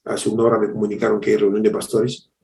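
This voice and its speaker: A middle-aged man preaching a devotional sermon as a pastor, telling stories with animated swings from loud exclamations to hushed asides. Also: on the low side, fast, gravelly, echoey room, a crowd in the background.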